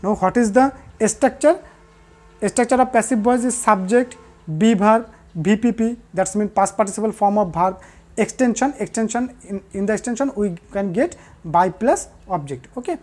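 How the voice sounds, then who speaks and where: A woman teacher speaks in a warm, mellow tone. She talks at a middling pitch and says each key answer twice. Short pauses and fillers break up her explanations. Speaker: English teacher. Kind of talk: recorded classroom lesson.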